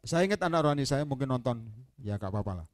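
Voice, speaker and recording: Lively Indonesian preacher with Javanese touches. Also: male voice, mid-range voice, quick pace, no room sound, clean studio sound. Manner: animated storytelling, swings from quiet to loud proclamation. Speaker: evangelist preacher. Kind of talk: sermon.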